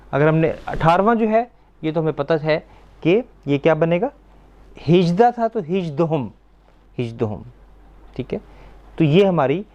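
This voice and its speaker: A man teaching a language class for children, patiently repeating words slowly and quizzing the class on answers. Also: fairly high pitch, darkish tone. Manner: asks the class questions and confirms answers.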